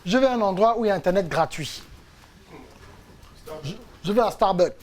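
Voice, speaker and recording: Male coach, lively storyteller, faith testimony, mid-pitched. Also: normal speed. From France. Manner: animated storytelling, acts out quotes. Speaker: coach and speaker.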